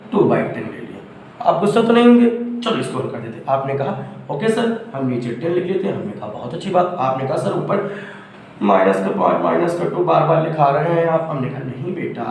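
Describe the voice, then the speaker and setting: A man teaching a school math lesson, speaking fondly to the children and acting out their replies. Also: a little high. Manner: affectionate, playacts students' replies. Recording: very echoey room, faint background noise.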